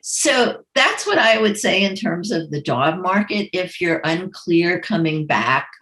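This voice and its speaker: Low, unhurried woman with a New York accent. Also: echoey room. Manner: relaxed and conversational, frequent ums. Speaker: career coach. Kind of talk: live Q&A advice session.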